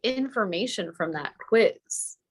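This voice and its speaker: Tired woman co-host, slow and lively. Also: mid-range voice. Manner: short laughing replies. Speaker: podcast co-host. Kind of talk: casual podcast chat.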